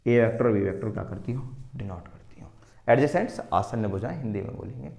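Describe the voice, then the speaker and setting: Lively Indian physics teacher lecturing. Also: male voice, lowish voice, brisk, gravelly. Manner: lively, quizzing students and answering his own questions, teasing. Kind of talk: classroom lecture at a board. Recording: roomy echo.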